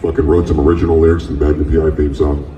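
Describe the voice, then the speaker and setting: A man performing a deadpan stand-up comedy set, boasting mock-proudly about deliberately bad accents. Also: rumbling low, a little hiss or hum. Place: outdoor festival stage. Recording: roomy, distant, dull audience recording with crowd.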